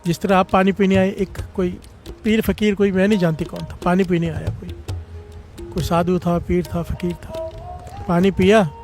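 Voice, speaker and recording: A man's voice: high voice, flat delivery, normal speed, a little mellow, soft background music. A man preaching a devotional sermon, telling a story and calling out refrains for the congregation to answer. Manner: calls out refrains for congregation response.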